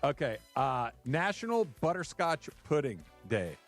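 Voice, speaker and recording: A man's voice: medium pitch, big pitch swings, measured pace, soft background music. A man co-hosting a casual sports radio show, dry and wisecracking.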